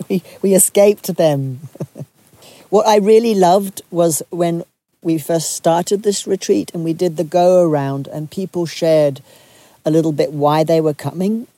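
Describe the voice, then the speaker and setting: With a mid-range voice and no echo, a retreat leader from Zambia addresses a group in a soft, reflective way. Pauses are frequent, and phrases often get restarted.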